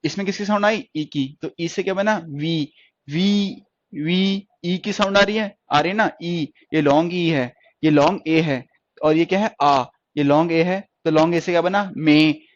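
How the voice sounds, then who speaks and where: A man's voice: on the high side, moderate pace, no echo. Man teaching, drawing out vowel sounds. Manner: stretches out drawn vowel sounds for students to repeat; keeps checking in with "ठीक है?". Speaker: stenography teacher. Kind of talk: classroom lecture on vowel sounds. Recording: dry, dull lo-fi recording.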